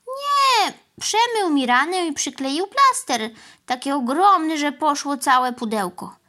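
Woman voicing a mother cow, storybook, mooing interjections, plaintive, pleading, very high voice. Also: lively intonation, takes it slowly, pushed and bright, exaggerated voice. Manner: lowing "moo" interjections, plaintive. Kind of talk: children's storybook reading.

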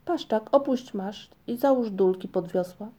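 A woman's voice: medium pitch, a little slow, warm tone, lightly acted. A woman voicing a bossy, self-important little male creature with a sarcastic, commanding manner, read as an audiobook. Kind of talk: audiobook reading.

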